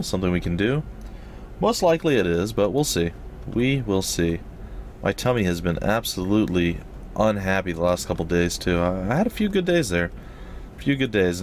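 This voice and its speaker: Slightly wheezy, low-voiced man, jokey gaming commentary. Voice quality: slightly wheezy, noisy breath. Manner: rambling, jokey, repeats phrases for effect. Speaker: host of a gaming let's play series. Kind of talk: casual let's play commentary.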